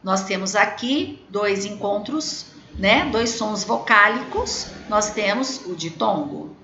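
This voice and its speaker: A woman teacher with a Brazilian Portuguese accent, slowly correcting exercises in a video lesson for children and spelling out words patiently. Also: medium pitch, expressive, pushed and bright, slight background noise. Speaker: primary school teacher. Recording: echoey room, dull lo-fi sound.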